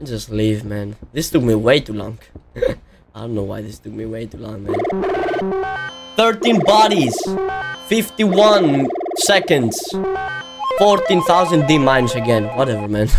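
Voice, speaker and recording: A young man giving casual, excitable let's-play commentary, often yelling at the game. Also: medium pitch, slow pace, over loud music. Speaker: gaming video creator.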